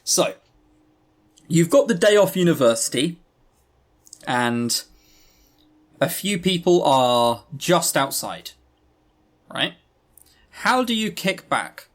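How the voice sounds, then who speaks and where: This podcast co-host is a man with a fairly high, sing-song voice who speaks slowly with long pauses. Chatting casually about visual novels, he comes across as wry and teasing, always joking around.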